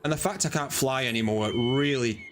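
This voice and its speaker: A man's voice: medium pitch, moderate pace, faint music behind. A man live-streaming a game, chatting casually in a rambling, self-deprecating way.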